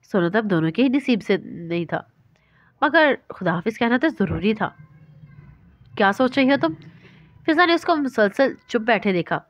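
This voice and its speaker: A woman's voice: medium pitch, very animated, no echo. Woman narrating a romance novel. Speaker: novel reader.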